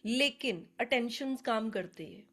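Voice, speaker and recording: A woman's voice: on the high side, lively intonation, measured pace. A woman teaching astrology on a live webinar, chatty and earnest, speaking to attendees by name over a video call.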